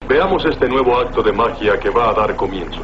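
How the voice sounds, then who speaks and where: A man's voice: fairly low pitch, animated, brisk, noisy background, lightly acted. A man narrating a superhero cartoon in dramatic, declamatory storytelling style. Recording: dull lo-fi soundtrack with music.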